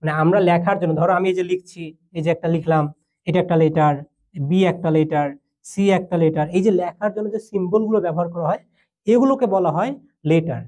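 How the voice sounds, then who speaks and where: Young male tutor from Bangladesh, higher voice, patient and explanatory, with frequent fillers. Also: quick pace, a little mellow. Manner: patient, explains step by step with fillers and mixed English. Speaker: English teacher. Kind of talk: classroom lesson explanation.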